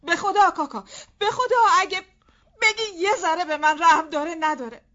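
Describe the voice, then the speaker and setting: A high-voiced distraught wife. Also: female voice, bright, forceful tone. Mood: pleading. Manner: pleading, emotional, given to outbursts. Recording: dull lo-fi TV drama sound.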